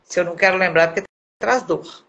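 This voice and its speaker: A middle-aged woman tells a personal testimony in an earnest, emotional way, often repeating herself as she speaks. Her voice has a gravelly, creaky edge. She sounds like a guest on a live video stream, heard through a phone or webcam mic. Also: lowish voice, quick pace, fairly bright tone, highs cut off.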